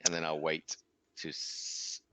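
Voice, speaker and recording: A man playing in a tabletop game, chatting and asking quick questions. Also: a bass voice, completely flat delivery, bright, forceful tone, clear, resonant tone, no echo, poor audio. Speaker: player. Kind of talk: casual chat during a tabletop game.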